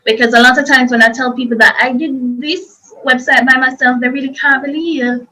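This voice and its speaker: A woman's voice: sits high, fairly even intonation, normal speed, bright, forceful tone, rough recording. A woman presenting an informal online workshop, explaining things in a chatty, loose and repetitive way.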